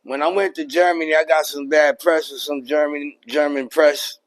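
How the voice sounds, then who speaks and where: A middle-aged man, a rapper and producer talking through his career as a podcast guest, relaxed and full of "you know what I mean.". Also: a little high, normal speed, poor audio. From New York. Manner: laid-back, many fillers like "you know what I mean". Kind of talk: casual interview chat.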